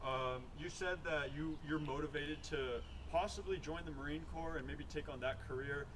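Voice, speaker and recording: A man's voice: fairly high pitch, moderate pace, background noise. A man working as an interviewer, putting prepared questions to a guest.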